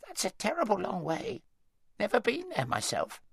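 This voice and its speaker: A man doing a wheezy, high-pitched hedgehog. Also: wildly swooping pitch, normal speed, creaky, breathy edge, dry recording, studio quality, exaggerated voice. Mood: folksy. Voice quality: thick and wheezy. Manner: drawling, homely country speech. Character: sleepy wheezy male hedgehog, chatty and easygoing. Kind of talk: audiobook character voice.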